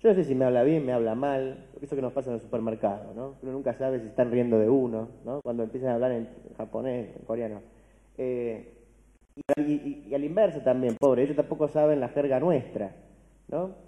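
Man, Argentine Spanish accent, philosophy lecturer, conversational, dark mellow voice, big echoing hall. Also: medium pitch, brisk. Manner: conversational, asks "¿no?" often, restarts words. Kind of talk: university-style lecture to a large audience. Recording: long hall reverb.

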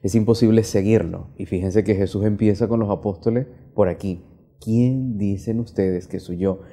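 A man in his thirties, a priest, reading the gospel and preaching a homily in a measured, teaching way with repeated questions to the congregation. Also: on the low side, fairly even intonation, dark tone. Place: small indoor chapel.

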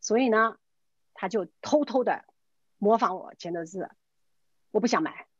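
On a dull-sounding video call with no room sound, a middle-aged real estate agent tells a story at a moderate pace in a mid-range, slightly rough voice. She is animated, acts out the dialogue, and mixes English words into her speech.

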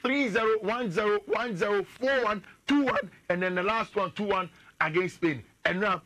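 A man in his thirties, speaking with a Ghanaian English accent, breaks down football with real animation in a radio studio, on his feet and gesturing toward a screen. He has a high voice and keeps a moderate pace.

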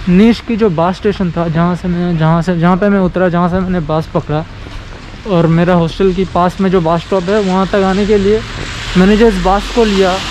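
A man's voice: high-pitched, low-quality recording. A young man in his twenties chatting casually as a travel vlogger, rambling while walking outdoors with a camera at arm's length. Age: 20s. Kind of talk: casual vlog narration. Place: outdoors on rainy city streets. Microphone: handheld action camera at arm's length. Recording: loud street noise.

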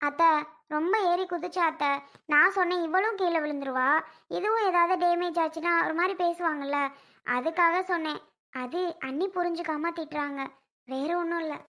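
A fussy young aunt, played by a woman who nags a jumping child in a very high, bright, insistent voice. Her tone turns pleading with her elders in this family skit. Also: moderate pace. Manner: nagging, then soothing and apologetic. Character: young wife, fussy aunt scolding a little girl.

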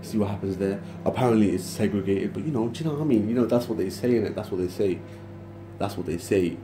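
Filming himself on a phone at arm's length indoors in his kitchen, a young adult man chats casually to camera, trading slangy jokes. He talks fast in a lowish voice, and the sound is reverberant with a noisy background.

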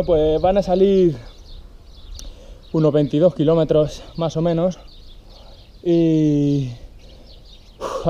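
A man in his thirties with a Peninsular Spanish accent, vlogging outdoors in casual chat to camera. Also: fairly high pitch. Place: outdoors, park and hilltop picnic area. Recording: dull sound with loud outdoor noise.

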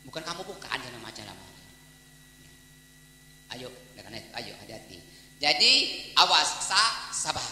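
A man preaching a humorous sermon in a Palembang Malay accent, telling stories and acting out dialogue. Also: high voice. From Palembang, Indonesia. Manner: lively storytelling, mimics dialogue, breaks into song snippets. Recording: echoey hall with long reverb.

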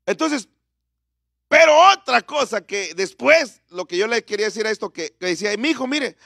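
A man's voice: high voice, animated, normal speed, vocal fry, bright, forceful tone, no echo, studio quality. A middle-aged man preaching a sermon in church, talking conversationally and firing questions at the congregation.

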